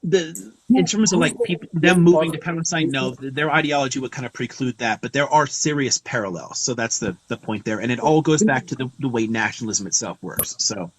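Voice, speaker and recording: A man's voice: mid-range voice, brisk, few pauses, poor audio. A man hosting a live stream, explaining history in a thoughtful, digressive way with many fillers. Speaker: host. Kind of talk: casual lecture on a live stream.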